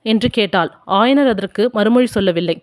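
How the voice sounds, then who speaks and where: A woman narrating a historical novel as an audiobook in a steady, clear reading style. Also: medium pitch, moderate pace, dry recording, studio quality.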